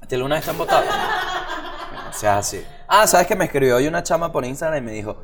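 A man's voice: a little high, quick pace, background noise. A man with a Venezuelan accent, co-hosting a casual chat full of slang and jokes. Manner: slangy, animated, joking. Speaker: podcast co-host.

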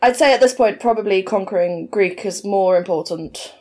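A woman's voice: medium pitch, normal speed, darkish tone. A woman co-hosting a book podcast, chatting in an easygoing, agreeable way and sometimes restarting her sentences. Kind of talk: casual book chat.

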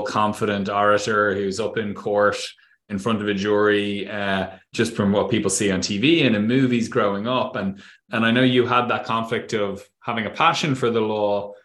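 Lower-voiced chatty male podcast host. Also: a bit bright, reverberant. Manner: friendly, chatty questioning with restarts. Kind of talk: interview hosting.

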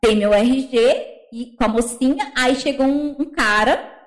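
A young woman telling a personal story in casual chat, animated, acting out other people's words. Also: sits high, unhurried, echoey room, rough recording. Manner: animated, acts out quoted voices. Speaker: guest.

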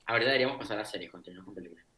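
A man's voice: on the low side, rapid-fire, a crowd in the background. A man in a casual group chat about films, enthusiastic and repeating his praise.

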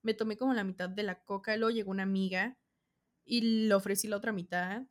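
A woman's voice: medium pitch, a little fast. A young adult woman with a Mexican accent telling a casual storytime, full of slang and acting out what people said. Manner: animated, slangy, acts out quotes. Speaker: vlogger.

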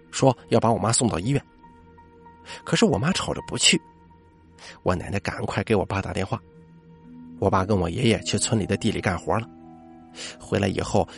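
A man hosting a late-night podcast, telling listener-submitted ghost stories and dropping his voice low for the eerie moments. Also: vocal fry. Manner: lively storyteller voice, drops low for eerie moments. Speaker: podcast host.

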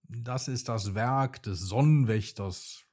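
A man voicing a wise old uncle who speaks gravely, in a children's storybook. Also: medium pitch, takes it slowly, dark tone. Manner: grave, serious.

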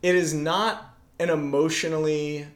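A man's voice: a little high, flat delivery, measured pace. A young man co-hosting a casual comedic movie podcast, talking in a wry, sarcastic, mock-lecturing way. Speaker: podcast co-host. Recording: roomy echo.

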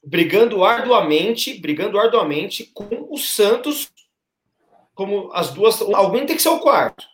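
Emphatic high-voiced man in an echoey room. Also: lively intonation, measured pace, fairly bright tone. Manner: emphatic, repeats phrases for stress. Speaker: podcast panelist. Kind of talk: casual football debate.

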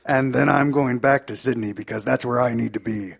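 An actor playing a tough, menacing 1930s American adventurer with a gruff, hard-boiled manner in a live audio drama. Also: male voice, medium pitch, steady tone, a little fast.

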